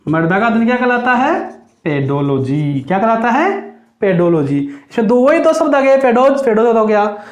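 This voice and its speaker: A man teaching an exam-prep lesson, drilling students with repeated questions that rise and answers that drop low. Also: sing-song, normal speed. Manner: asks high and answers low. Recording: echoey room.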